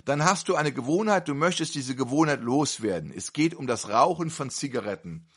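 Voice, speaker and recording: A man's voice: medium pitch, expressive, a little fast, breathy edge. A man preaching at a healing service, fervent and repeatedly asking the congregation whether they believe.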